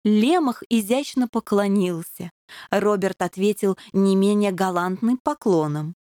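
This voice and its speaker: A woman narrating a children's fairy tale audiobook in a measured, even storytelling manner. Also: medium pitch, no room sound, clean studio sound.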